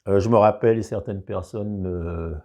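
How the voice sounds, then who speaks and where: A man's voice: on the low side, fairly even intonation, moderate pace, darkish tone. A man with a regional accent demonstrating a product in a casual review, explaining carefully with many hesitations. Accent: French regional.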